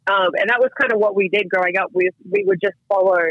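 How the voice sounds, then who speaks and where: A woman's voice: medium pitch, steady tone, fast, no echo, muffled recording. An Australian woman in her thirties, a guest chatting casually on a podcast, saying "like" and "you know" a lot and swearing freely. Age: 30s. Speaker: guest, professional fighter.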